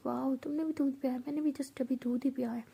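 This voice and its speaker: Woman playing a nosy young girl who keeps firing questions, highish, soft dark husky voice. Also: steady tone, a little fast, exaggerated voice. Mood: inquisitive.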